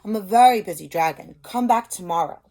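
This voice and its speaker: A woman voicing a big, gruff, self-important male dragon in a read-aloud storybook, loud and brusque. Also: mid-range voice, animated, brisk, natural voice. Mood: gruff, irritated.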